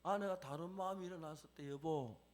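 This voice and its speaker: A man preaching a chapel sermon, acting out quoted dialogue with animated delivery. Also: high-pitched, normal speed.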